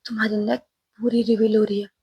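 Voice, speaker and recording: A stern, irritable college teacher, voiced by a woman storyteller, snapping short dismissive replies. The voice is very husky and breathy. It sits close and dry, with no room around it. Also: mid-range voice, little pitch movement, quick pace, warm tone, no echo. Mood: irritated. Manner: curt, scolding, dismissive.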